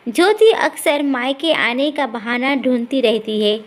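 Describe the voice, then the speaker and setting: A woman's voice: high-pitched, unhurried. A woman narrating a family story, voicing every character herself. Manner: plain, steady narration, voicing all the characters.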